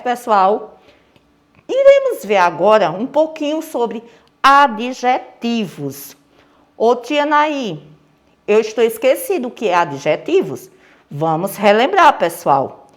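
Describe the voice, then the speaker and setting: A woman teacher with a Brazilian accent gives a recorded lesson to children, patient and repetitive, checking in often and stressing example words slowly. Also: on the high side. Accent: Brazilian Portuguese. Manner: patient, repeats key points, checks with "certo?". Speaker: primary school teacher.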